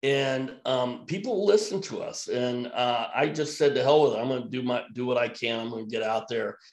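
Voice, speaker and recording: A man who works as an emergency physician speaks as a podcast guest, blunt and emphatic, at a middle pitch. His voice carries a noticeable room echo. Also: moderate pace. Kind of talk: podcast conversation.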